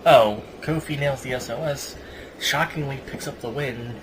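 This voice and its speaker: A podcast host, a man with a mid-range voice at a moderate pace, gives a casual, sarcastic play-by-play recap. The home podcast recording is clearly noisy.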